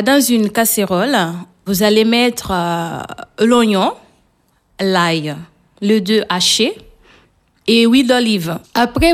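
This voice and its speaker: A woman from São Tomé and Príncipe with a Portuguese accent, a native Portuguese speaker, speaking French as a guest cook in a radio interview. She pauses often and fills the gaps. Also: medium pitch. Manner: hesitant, many pauses and fillers.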